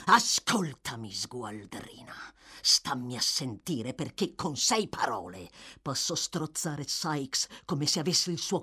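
A woman's voice: low-pitched, a bit bright, slightly rough, heavily acted. A woman voicing a scheming old male fence who speaks in an oily, coaxing way and snarls when enraged, in an audiobook reading.

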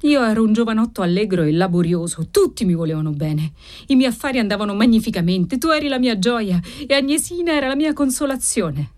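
A woman's voice: mid-range voice, big pitch swings, normal speed. Woman voicing a tearful remorseful husband. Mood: anguished. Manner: pleading, anguished, self-accusing. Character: desperate, remorseful husband gambler, tearful, middle-aged man.

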